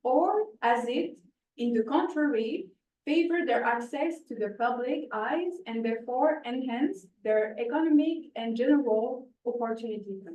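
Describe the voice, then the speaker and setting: A woman's voice: on the high side, expressive, measured pace, mellow. Woman moderating a panel. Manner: formal, reads long questions. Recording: echoey room, distant mic, faint noise.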